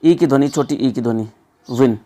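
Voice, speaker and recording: A man's voice: medium pitch, moderate pace, warm tone. A man, teaching as an exam prep tutor and explaining the answers step by step. He keeps repeating words and checks in with his listeners again and again. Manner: repetitive, checks in with 'theek hai' and 'doston'.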